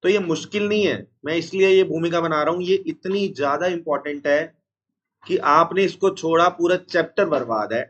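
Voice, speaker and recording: Casting: high-voiced man teaching accounts, sounds unwell, dull lo-fi recording. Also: fairly bright tone. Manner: repeats formulas slowly, scolds chattering students. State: unwell, strained chest. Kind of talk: classroom lecture.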